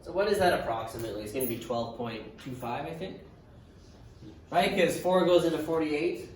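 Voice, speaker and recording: A man's voice: fairly high pitch, moderate pace, recorded from a distance. A man teaching a math class, thinking aloud as he works through problems, casual with dry sarcasm. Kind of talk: classroom lecture. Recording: echoey classroom from afar, hiss.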